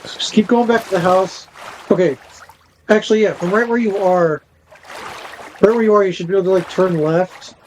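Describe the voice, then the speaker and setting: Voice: medium pitch, normal speed, long pauses, darkish tone, a little hiss or hum, poor audio. A speaker in casual gaming voice chat, guiding a teammate with directions and many fillers.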